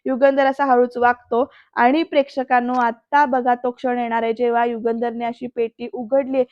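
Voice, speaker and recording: A woman recaps a TV serial in a casual, chatty voice-over and talks straight to her viewers. Her voice is a little high and stays quite flat. The recording is dull, dry and lo-fi, close to the mic. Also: no echo. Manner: chatty, addresses the viewers directly, acts out quoted lines. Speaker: serial episode reviewer.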